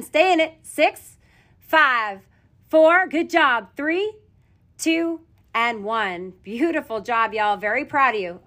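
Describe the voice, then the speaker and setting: A woman's voice: high voice, bright, forceful tone. A woman leading a workout as an aerobics instructor, calling counts and form cues with commanding, encouraging short phrases. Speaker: group fitness class instructor.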